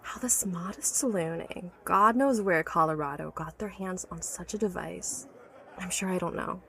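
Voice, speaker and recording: In this audio drama, a woman with a lowish, bright, forceful voice plays an obsessive, learned inventor, speaking at normal speed. She recounts her life's work earnestly and articulately, nostalgic and enraptured, and stammers when awed by her subject.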